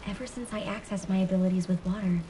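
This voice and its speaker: A woman's voice: mid-range voice, fairly even intonation, fast, dark tone, lightly acted. A woman voicing a serious, watchful soldier with water powers in a video game. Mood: wary, serious. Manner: serious, careful. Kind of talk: voiced game dialogue. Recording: distant, noisy with ambience behind.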